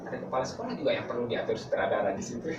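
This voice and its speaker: A man's voice: mid-range voice, expressive, very fast, dull audio. A man interviewing students and a teacher in a casual, chatty way, often laughing and teasing. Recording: roomy distant mic with noise.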